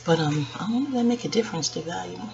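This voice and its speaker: Speaking fast and expressively in a lowish, creaky voice, this woman in her forties hosts a casual video vlog from a quiet, dark room at home, keeping quiet so others stay asleep. She rambles hesitantly, drifting off on tangents as she reflects aloud to viewers. Music plays behind her, and the lo-fi audio is dull with faint noise.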